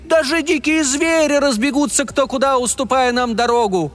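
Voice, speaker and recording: A man's voice: extremely high pitch, normal speed, fairly bright tone, pitched above the performer's own voice. A man voicing a proud, scornful male fairy who makes grand, contemptuous boasts. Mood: grandiose.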